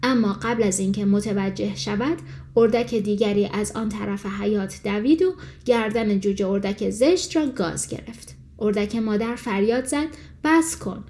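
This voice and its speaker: Warm-voiced woman narrating a fairy tale. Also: mid-range voice, slight background noise. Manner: calm, measured storytelling. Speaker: audiobook narrator. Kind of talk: scripted audiobook narration.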